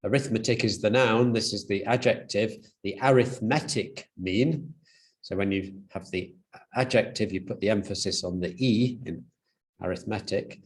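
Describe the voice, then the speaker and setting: A man's voice: fairly low pitch, normal speed. A man giving a university lecture, explaining step by step, with frequent fillers and restarts.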